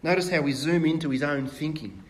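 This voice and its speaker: A man preaching a sermon in a conversational way, asking rhetorical questions and pausing with fillers and restarts. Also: a little high.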